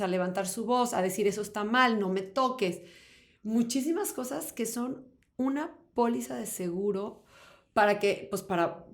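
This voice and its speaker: Woman host, fairly high voice, chatty, lots of fillers. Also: a little mellow. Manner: affirming, many fillers. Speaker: podcast host. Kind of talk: conversational interview.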